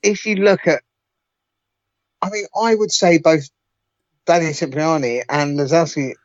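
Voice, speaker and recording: A man's voice: on the high side, animated, measured pace, no room sound. A man co-hosts a podcast in a casual, emphatic way and stumbles over his opening words. The sound is dry and a little dull. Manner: emphatic, stammers at starts. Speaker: podcast co-host. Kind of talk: casual chat.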